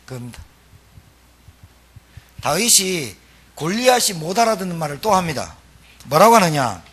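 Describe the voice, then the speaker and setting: A man preaching a sermon as pastor, telling a story in an animated, emphatic way. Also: sits high, moderate pace, husky.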